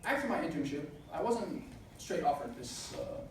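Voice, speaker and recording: At a student business event, a man in his twenties gives an earnest, motivating speech with frequent "uh" fillers. He sounds quite high and very animated, keeping a moderate pace. The sound is distant and noisy, with hall echo.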